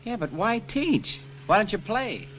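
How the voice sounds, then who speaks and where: An actor playing an easygoing, self-assured young man who talks in a relaxed, wisecracking way in a 1950s film comedy. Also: high voice, unhurried, full character voice. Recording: dull 1950s film soundtrack with hiss.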